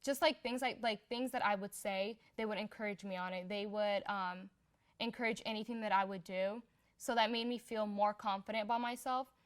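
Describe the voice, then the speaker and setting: This young Somali woman, interviewed for a community profile, has a smooth, medium-pitched voice with fairly even intonation and normal speed. She speaks casually about her life, chatty and unpolished, with frequent filler words.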